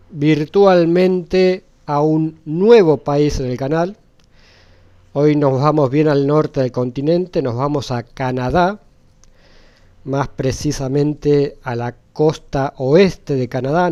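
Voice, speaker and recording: Slow, mellow-voiced male host. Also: fairly high pitch, clear, resonant tone, highs cut off. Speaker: channel host, interviewer. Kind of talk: casual interview.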